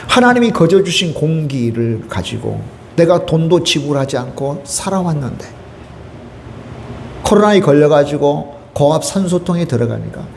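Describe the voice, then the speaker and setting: A man's voice: a little high, gravelly, a little hiss or hum. A middle-aged man preaching a sermon as pastor, asking the congregation questions and acting out quotes. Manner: lively preaching with call-and-response questions and acted quotes.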